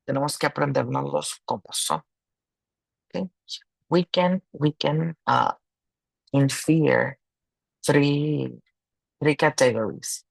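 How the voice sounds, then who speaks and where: A man's voice: mid-range voice, creaky, a bit bright, no echo, low-quality recording. A man teaching an online grammar lesson, explaining patiently in two languages with small restarts. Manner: slow and patient, switching between Spanish and English, with restarts. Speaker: English teacher.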